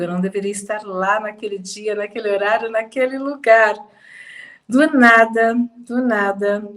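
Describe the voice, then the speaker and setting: A Brazilian woman with a slightly high voice tells a personal testimony slowly and emphatically, with pauses. She sounds a little stuffy, as if holding back sneezes. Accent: Brazilian Portuguese. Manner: slow, emphatic, with pauses and soft laughs. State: slightly congested, fighting sneezes. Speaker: testimony speaker. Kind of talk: personal testimony, conversational storytelling.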